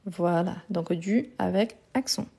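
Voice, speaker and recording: Slow, patient woman teaching French verbs. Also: on the low side, gravelly, dark tone, breathy edge. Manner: slow and patient, repeating each verb and confirming answers. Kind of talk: live online grammar lesson. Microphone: phone.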